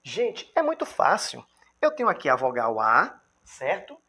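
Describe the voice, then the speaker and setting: Slightly high and breathy-edged, this man's voice carries a Brazilian Portuguese accent as he teaches a grammar lesson. He's lively and keeps checking in with whoever is watching. He sounds out his examples slowly, syllable by syllable.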